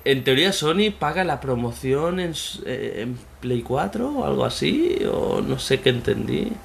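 A man's voice: medium pitch, very animated, measured pace, vocal fry, a little hiss or hum. A man, co-hosting a casual podcast chat, joking and often laughing. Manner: joking, laughs often, acts out mock quotes. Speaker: podcast co-host.

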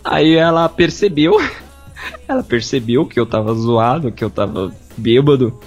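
A man's voice: mid-range voice, measured pace. Young man telling a story. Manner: animated, slangy, acts out quoted lines. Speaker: listener telling his story. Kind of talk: casual storytelling. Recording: dull lo-fi sound with faint music.

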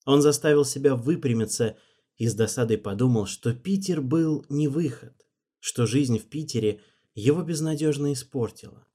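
A man's voice: mid-range voice, normal speed, warm tone, husky. Man narrating an audiobook steadily.

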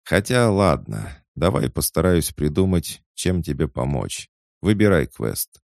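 A man voicing a mocking male cat tsar who teases and gives playful advice in a raised, lively voice. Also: very deep voice, measured pace, gravelly, no echo, clean studio sound, pitched above the performer's own voice, heavily acted. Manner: teasing, sing-song and lively.

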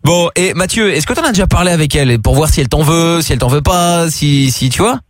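A man's voice: on the high side, fast talker, dry recording, clean studio sound. A man hosting a late-night radio call-in show, teasing callers and reading listener messages aloud. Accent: French. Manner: teasing, joking, reads listener texts aloud. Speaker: radio host. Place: radio studio. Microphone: studio mic.

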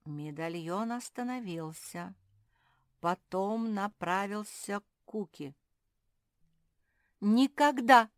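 A woman slowly and expressively reading a children's story aloud. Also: fairly low pitch, no echo, studio quality. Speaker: narrator.

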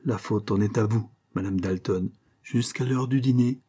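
A man voicing a bitter, ironic gentleman lawyer. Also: lowish voice, moderate pace, slightly rough. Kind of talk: audiobook reading.

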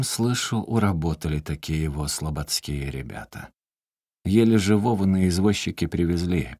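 A man reads a first-person story aloud with a very deep, low voice. He reads expressively and lifts his pitch sharply for heated quoted lines. The recording is dry and close, with no room sound. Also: husky, dry recording. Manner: expressive reading, rising sharply in quoted outbursts. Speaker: audiobook reader.

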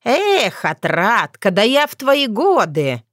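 A woman's voice: a little high, wildly swooping pitch, slow, fairly bright tone, no echo, clean studio sound, pitched above the performer's own voice, heavily acted. A woman voicing a playful, bossy old witch grandmother who talks in a teasing, folksy way.

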